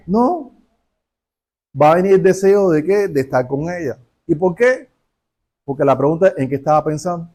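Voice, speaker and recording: A man's voice: high-pitched, a little mellow. A male pastor preaching a sermon, telling stories and asking the congregation rhetorical questions.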